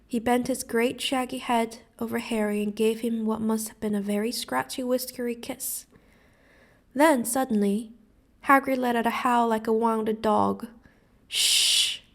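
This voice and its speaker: Woman teacher reading a story aloud, american accent, a bit high, clear and expressive. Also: moderate pace. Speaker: English teacher. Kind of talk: audiobook reading.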